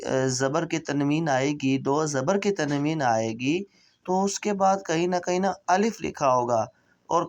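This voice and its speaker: A man teaching a Quran spelling lesson, explaining quickly, then spelling letters in slow drawn-out drills. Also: a little high.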